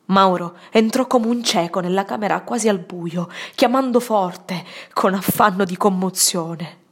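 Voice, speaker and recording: A woman narrating a literary audiobook in a solemn, dramatic way, often sinking to a hushed whisper. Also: mid-range voice, measured pace.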